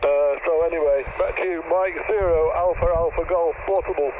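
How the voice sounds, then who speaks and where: A man's voice: on the high side, steady tone, moderate pace. A friendly man making a radio call exchange and spelling his call sign phonetically, his voice received over a radio set. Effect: received over a noisy amateur radio set. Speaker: amateur radio contact. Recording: tinny, noisy radio receiver audio.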